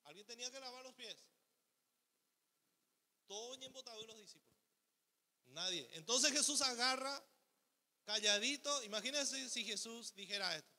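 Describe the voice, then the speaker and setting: A man's voice: very high-pitched, normal speed, pauses often, bright, forceful tone. A man preaching a sermon as pastor, asking rhetorical questions and acting out the voice of the selfish ego. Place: church hall. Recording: long hall reverb.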